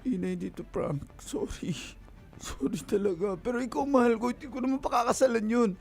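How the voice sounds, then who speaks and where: A man's voice: very high voice, fairly quick, creaky, darkish tone, slightly rough, faint music behind, full character voice. A man playing a remorseful young boyfriend who tearfully apologizes and pleads with his girlfriend in a radio drama. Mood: pleading. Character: young man confessing he got another woman pregnant, remorseful.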